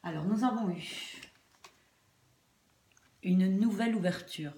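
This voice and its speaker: A woman's voice: mid-range voice, slow. A woman with a throat infection giving an informal tarot reading to online viewers, hesitant, trailing off and repeating her phrases. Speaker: tarot card reader. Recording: echoey room, faint noise and clicks.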